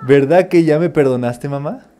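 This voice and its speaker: A man voicing a sulky daughter pleading slowly with her mother. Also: fairly high pitch, mellow, natural voice.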